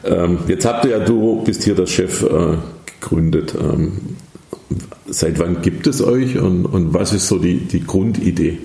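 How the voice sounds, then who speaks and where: Deep gravelly man hosting an interview. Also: measured pace, dark tone, echoey room. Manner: rambling, hesitant questions. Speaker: interview host. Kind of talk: casual interview.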